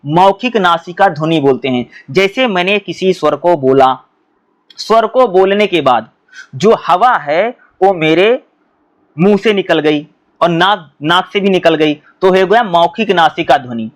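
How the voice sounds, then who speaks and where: A man's voice: high voice, measured pace. A male teacher explaining exam topics who asks questions and answers them himself and often repeats his points. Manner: often repeats himself and addresses students as bhai.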